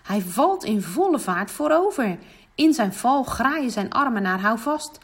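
A woman reading a children's story aloud, giving the children's calls lively, high voices. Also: measured pace, slightly rough.

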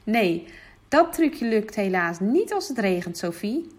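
A woman's voice: medium pitch, big pitch swings, a little slow. Woman reading as a patient cheerful papa. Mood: playful. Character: patient cheerful father reading bedtime stories.

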